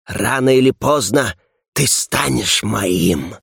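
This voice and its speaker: Audiobook villain: man reading an imperious female darkness, slow and hissing, dry close recording. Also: mid-range voice, expressive, vocal fry, a bit bright, husky, dry recording, heavily acted. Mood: menacing.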